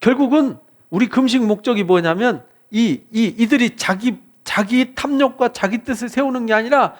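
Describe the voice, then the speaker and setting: In a high, energetic voice, a pastor from South Korea preaches an expository sermon at an ordinary pace. His delivery is passionate: he fires questions at the audience and voices the characters he describes.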